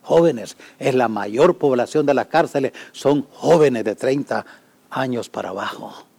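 A man preaching a sermon as a pastor, swinging from loud pleading to hushed warnings. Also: mid-range voice, unhurried, gravelly.

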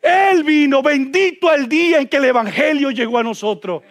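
A man with a very high-pitched voice preaches a passionate sermon to his congregation, dropping to hushed, low tones and then rising to shouted climaxes. The sound is close and dry, with almost no room echo. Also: normal speed. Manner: addresses the congregation directly with rhetorical questions. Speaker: pastor. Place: church.

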